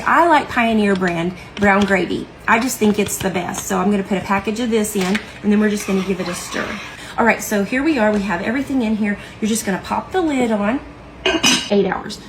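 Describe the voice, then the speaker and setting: A woman's voice: a little high, background noise. Chatty woman hosting a kitchen cooking demo. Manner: chatty, step-by-step instructions. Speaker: cooking show host. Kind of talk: casual cooking demonstration. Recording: kitchen clatter of dishes and pans.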